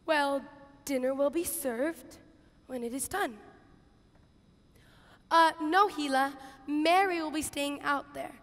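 A young woman, in her teens to young adulthood, plays a flustered, bossy Martha, the harried biblical kitchen hostess exasperated with her sister, in a high-pitched, theatrically exaggerated stage reading. Indignant and baffled, she speaks slowly with frequent pauses, veering from hushed asides to shouts. Her headset mic picks up the reverberant large auditorium where she performs before an audience.

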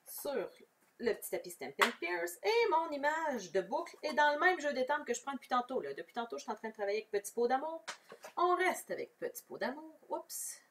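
A woman's voice: on the high side, slight background noise. A woman with a Québécois French accent leads a casual, chatty craft tutorial, explaining each step and answering viewers. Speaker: crafting demonstrator. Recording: voice somewhat far from the mic.

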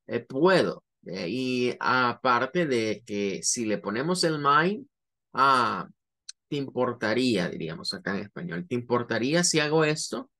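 Slow-paced male teacher. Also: mid-range voice, very animated, sharp tone. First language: Spanish. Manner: explains phrases step by step, repeats English examples slowly. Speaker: English teacher. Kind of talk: classroom lecture.

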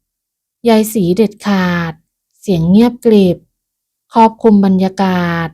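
A woman narrating a moral folk tale in a measured, even storytelling manner. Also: mid-range voice.

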